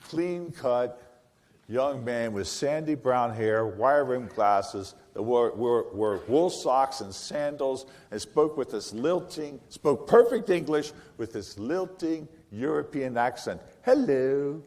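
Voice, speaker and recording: An older man giving a conference talk, telling animated stories full of wry asides and quick self-corrections. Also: mid-range voice. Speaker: conference speaker. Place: large conference hall. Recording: reverberant hall.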